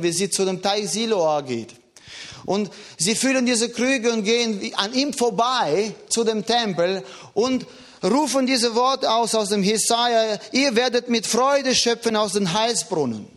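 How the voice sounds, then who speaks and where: A man preaching a sermon in an earnest, emphatic way, with a foreign accent. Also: fairly bright tone. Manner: earnest, emphatic, rises and drops in pitch.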